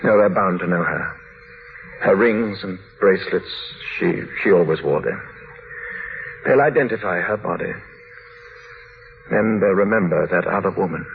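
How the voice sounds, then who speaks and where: The clip is a muffled, noisy vintage radio drama in which a male actor plays a tormented husband. His low-pitched voice carries vocal fry as he makes a grave, halting, dramatic, despairing confession.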